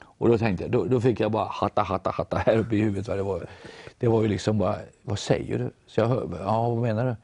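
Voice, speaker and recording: Norwegian guy telling his faith story, low dark voice, acts out the quotes. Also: steady tone, dry recording. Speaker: guest storyteller.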